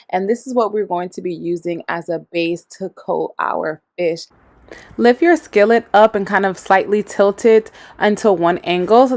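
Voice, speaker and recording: A woman hosts a cooking show, narrating a recipe in a chatty, upbeat manner full of casual slang and frequent laughter. Her voice is on the low side.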